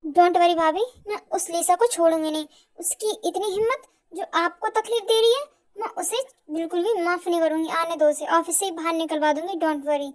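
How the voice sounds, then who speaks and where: A woman voicing a lively, protective younger sister who chatters excitedly and gets indignant, in an amateur fan audio drama. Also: very high voice, moderate pace.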